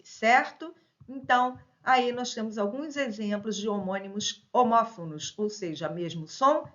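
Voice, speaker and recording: A woman teacher walks through a grammar lesson in a somewhat high voice. She leans hard on each example word and keeps checking in with short tag questions. The recording sounds a little dull and lo-fi. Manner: explains with many tag questions like "né?" and "certo?"; stresses example words with sudden loud emphasis.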